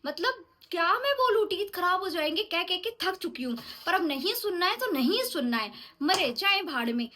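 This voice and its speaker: A woman with a very high, bright, sharp voice plays the mother in a scripted family vlog skit. She scolds and lectures her child and turns to speak to the viewers. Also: lively intonation, normal speed, few pauses. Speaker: mother and vlogger.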